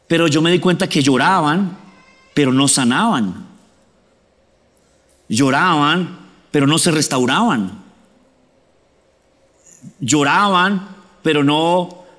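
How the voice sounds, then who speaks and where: High-voiced preacher in a reverberant hall. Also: male voice, fairly bright tone. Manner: conversational preaching with frequent questions to the congregation. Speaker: pastor. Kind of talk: sermon.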